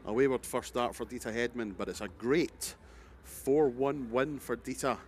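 A man's voice: mid-range voice, normal speed, darkish tone. A man giving live darts commentary alongside a co-commentator. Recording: faint venue noise behind.

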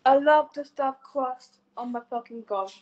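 A woman's voice: high voice, a little slow, darkish tone. A woman, chatting casually while chewing with her mouth full, blunt and sweary. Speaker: co-host. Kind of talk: casual vlog chat. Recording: dull lo-fi home recording with faint noise.

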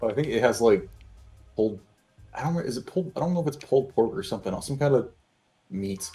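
A man chatting casually with a friend while playing a game, relaxed and a bit hesitant. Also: medium pitch, fast, gravelly, soft background music. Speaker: co-player.

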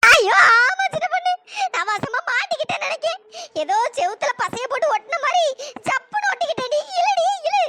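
A woman's voice: lively intonation, a little fast. A woman voicing a group of squabbling village women in a cartoon, all whiny scolding banter. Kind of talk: cartoon voice acting. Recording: noisy pitched-up processed voice.

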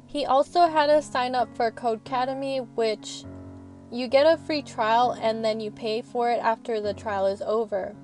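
Parked in her car, a young woman student vlogger records a casual, rambling voice-over, speaking earnestly and frankly in a slightly high voice. Her intonation is fairly even and her pace moderate, with gentle music playing quietly underneath.

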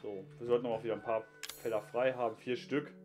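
A man's voice: mid-range voice, fairly even intonation, fast talker, over music. A man giving casual, joking running commentary while playing a horror game, recorded at home on a headset. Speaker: gameplay commentator. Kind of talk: casual let's-play chat.

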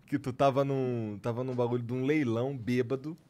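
A man hosting a podcast, asking his guest relaxed, casual questions. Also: medium pitch, fairly quick, very noisy. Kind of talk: casual chat.

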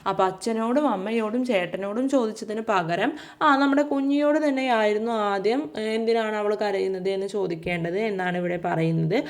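A woman's voice: mid-range voice, darkish tone. A woman teacher, explaining a textbook lesson to young children and reciting a poem in a sing-song way.

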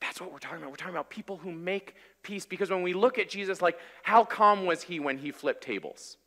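A man in his thirties preaches from the pulpit of a large church, talking in a conversational, energetic way. His voice sits high and sounds bright and forceful. It rings out with a long hall reverb. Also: quick pace. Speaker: pastor. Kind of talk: sermon.

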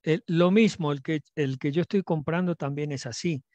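A man's voice: fairly high pitch, moderate pace, a little mellow, dry recording, muffled recording. An older man in his sixties on a headset mic, earnestly explaining on a video call with many fillers. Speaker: guest parent. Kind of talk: casual video call chat.

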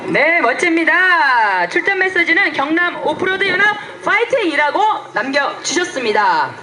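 A woman's voice: very high-pitched, very animated, normal speed, sharp tone. A woman doing live motorsport commentary, announcing off-road race entries and chiming in with her partner. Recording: echoey PA sound, faint engine noise. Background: vehicle noise.

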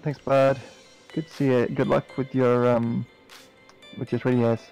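A man co-hosting a casual podcast stream, chatting excitedly while watching a game, laughing and repeating himself often. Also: medium pitch, moderate pace, vocal fry, faint music behind, rough recording. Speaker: podcast co-host.

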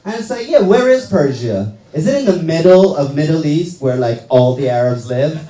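A man's voice: a little high, animated, moderate pace, mellow. A young man from Iran doing a stand-up set on a small club stage, talking loosely into a handheld mic, with lots of fillers and tag questions. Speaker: stand-up comedian. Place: small comedy club stage with live audience. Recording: roomy club sound.

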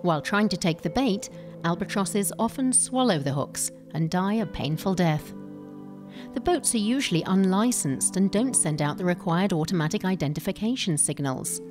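A woman narrates a nature documentary in a fairly low voice. She reads from a script, with music clearly playing underneath. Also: animated, moderate pace. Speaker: report narrator. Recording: voice-over with music bed.

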